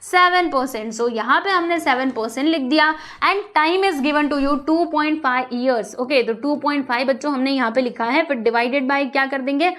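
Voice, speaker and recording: A young woman with a high voice walks students through a math lesson. She talks in a chatty, coaxing way and keeps asking questions. She switches easily between explaining and English math terms. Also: a little slow, hardly any pauses, a bit bright. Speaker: math teacher.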